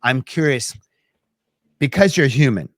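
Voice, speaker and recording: A man hosting an interview, asking measured questions and murmuring agreement. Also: mid-range voice, expressive, no room sound, studio quality. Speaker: interview host. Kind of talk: conversational interview.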